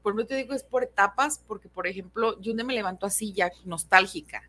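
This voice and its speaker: Young mexican woman on a radio chat, expressive and chatty, talks it out. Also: mid-range voice, fast talker, crowd noise. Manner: chatty, expressive, laughs easily.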